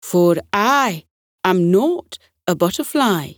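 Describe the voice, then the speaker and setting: A woman's voice: on the low side, expressive, slow, no room sound, clean studio sound. A woman voicing a proud little male butterfly in a storybook, speaking firmly with a Scottish accent. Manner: firm, proud.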